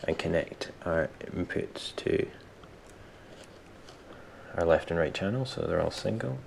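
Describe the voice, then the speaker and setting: A low, creaky male voice guides a casual software tutorial at a measured pace. The presenter thinks aloud informally and makes self-deprecating remarks, while some background noise comes through in the recording.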